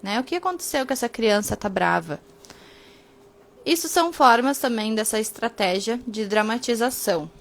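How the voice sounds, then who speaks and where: A woman's voice: a little high, expressive, moderate pace. A woman, hosting a live book study in a chatty teaching tone that keeps checking in with "né?". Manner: chatty, often ends with "né?" and "tá?". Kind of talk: casual teaching talk on a live stream.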